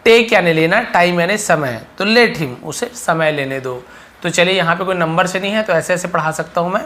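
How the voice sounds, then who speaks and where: Male teacher, spoken English lesson; slow, clear drilled example phrases, brisk explanations in between. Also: sits high, sharp tone. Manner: says example sentences slowly and clearly, explains quickly.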